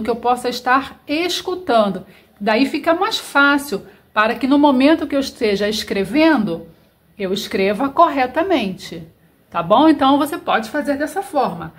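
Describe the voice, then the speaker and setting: A woman teacher, dictating sentences word by word and spelling out letters. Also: high voice. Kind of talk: slow dictation lesson.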